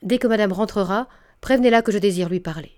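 A woman's voice: medium pitch, fast, a little mellow, lightly acted. A woman reading a proud male minister. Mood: curt.

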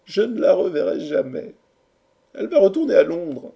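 A man voicing a lovesick, theatrical young gentleman in a storybook reading, pleading and declaiming in a raised voice. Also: high voice, big pitch swings, moderate pace, gravelly, dull audio, voice pushed up, exaggerated voice. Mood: lovelorn.

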